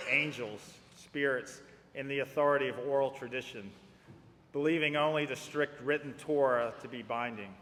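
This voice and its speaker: A man's voice: medium pitch, a bit bright. Man preaching in a reverberant church. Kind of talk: sermon. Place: church sanctuary. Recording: church with long reverb and faint noise.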